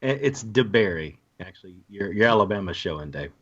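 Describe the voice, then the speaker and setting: A man's voice: on the low side, expressive, fairly quick, fairly bright tone, breathy edge, dull audio. A man co-hosting a sports podcast in casual chat, with teasing banter.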